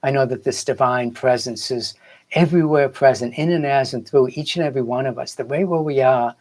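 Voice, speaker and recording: Here a Boston-accented spiritual coach, middle-aged or older, speaks a little fast in a mid-range, slightly mellow voice. His livestream talk is casual, earnest, and motivational, full of rambling and phrases repeated for emphasis.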